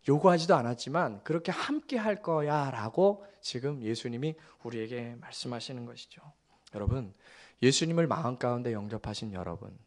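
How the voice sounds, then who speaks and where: A pastor in his forties preaching to his congregation. His voice sits in a middle register. He moves from soft, whispered tenderness to animated, laughing storytelling. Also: mid-range voice. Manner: storytelling, shifting from hushed tenderness to excited laughter. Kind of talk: sermon.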